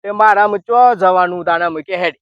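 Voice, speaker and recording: A man's voice: sits high, a little fast, smooth, no echo. An older man in a village comedy sketch, wearily complaining about being lost while carrying an invitation card. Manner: weary, complaining, rustic dialect. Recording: dull lo-fi dry sound.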